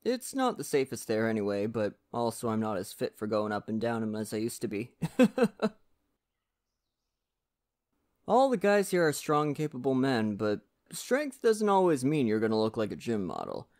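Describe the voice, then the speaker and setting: A performer takes on the role of a warm, poetic lumberjack in an ASMR roleplay aimed at the listener, sounding easygoing, chatty and politely gentle. The medium-pitched voice swings hugely in pitch and moves at normal speed.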